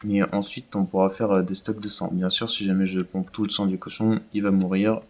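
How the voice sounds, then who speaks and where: A man's voice: low-pitched, level tone, fairly quick. A man giving casual, rambling commentary over his own video game play, with many fillers. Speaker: gaming YouTuber.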